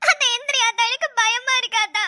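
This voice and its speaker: A woman's voice: extremely high pitch, fast, sharp tone, heavily acted. A woman voicing a frightened, devoted young granddaughter in a cartoon, pleading and tearful. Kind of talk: cartoon voice acting.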